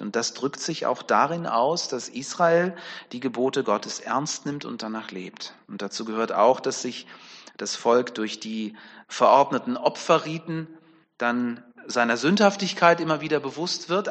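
A man's voice: medium pitch, fairly bright tone. Man, preacher, conversational sermon, frequent tag questions, long hall reverb.

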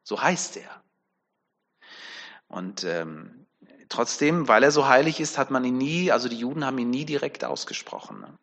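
A male preacher gives a sermon in a relaxed, conversational manner, often tossing a quick question back at his listeners. His voice sits at an ordinary middle pitch. A long reverb trails behind him, as in a large hall. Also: creaky. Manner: conversational, with frequent tag questions.

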